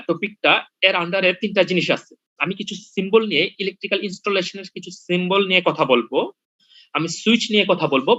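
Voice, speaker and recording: A man giving an online lab lecture over a video call, patient, often stopping to check that students follow and filling pauses with hesitations. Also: fairly high pitch, pushed and bright, no room sound, highs cut off. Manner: patient, repeats "ঠিক আছে?" to check in with students; hesitant with frequent fillers. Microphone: computer mic on a video call.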